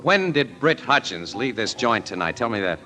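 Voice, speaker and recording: An actor playing a brash, wisecracking newspaper crime photographer in 1940s radio drama, with slangy, brisk delivery. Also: male voice, mid-range voice, sing-song, sharp tone. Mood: urgent, excited. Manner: slangy, brisk, urgent talk. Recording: old radio show with music.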